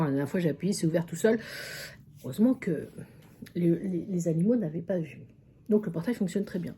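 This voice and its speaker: A woman's voice: mid-range voice, dark tone, breathy edge. A woman psychic medium vlogging casually, telling a story with many fillers and repetitions. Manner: chatty, many fillers and repeated phrases. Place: at a friend's country house.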